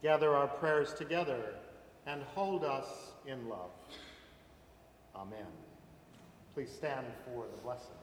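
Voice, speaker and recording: A man leading prayers at a church service, his voice carrying a cathedral echo through a large church. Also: medium pitch. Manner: measured, intoning and then relaxed and coaching. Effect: cathedral echo, voice ringing through a large church. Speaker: priest leading a bilingual Mass. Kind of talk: leading prayers and guiding the congregation. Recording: echoey church hall with room noise.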